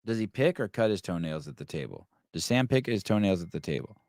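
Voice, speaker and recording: A man's voice: sits low, lively intonation, a little fast, darkish tone, no echo, studio quality. A man hosting a podcast in loose, casual interview chat, swearing freely and stammering on restarts. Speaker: podcast host.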